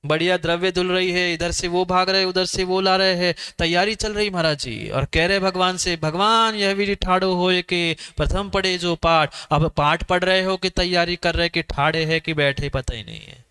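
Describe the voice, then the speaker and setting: A man's voice: high-pitched, normal speed, hardly any pauses, bright, forceful tone, clean tone. A man preaching a sermon, speaking emphatically, repeating phrases and asking his listeners questions. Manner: repetitive, emphatic, asks the audience questions. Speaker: Jain monk preacher. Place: sermon hall.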